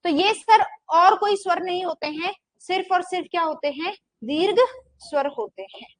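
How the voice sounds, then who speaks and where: A woman's voice: extremely high pitch, moderate pace, dry recording. A young woman giving a Hindi grammar lecture, often asking a question and answering it herself, and stretching vowels out to show how long they last. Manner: asks the class questions and answers them herself, repeating "ठीक है". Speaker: Hindi teacher. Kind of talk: classroom lecture.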